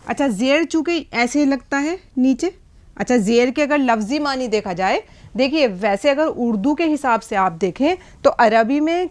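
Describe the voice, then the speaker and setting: A middle-aged woman teaching a language lesson at a board, explaining patiently and often checking that listeners follow. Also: sits high. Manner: patient explaining, frequent checks like "hai na?" and "theek hai". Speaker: Urdu teacher.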